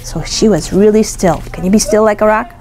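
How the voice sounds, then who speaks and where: At a fairly quick pace, a woman with a mid-range voice reads a picture book aloud to a young child. Her reading is animated and expressive, her phrasing simple and aimed at the child, and she often repeats herself and pauses for explanations and questions.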